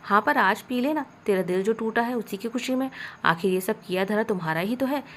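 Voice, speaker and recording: A woman's voice: on the high side, fairly quick, a bit bright, a little hiss or hum, close to an everyday voice. A woman voicing a teasing, joking young male friend in a spoken story.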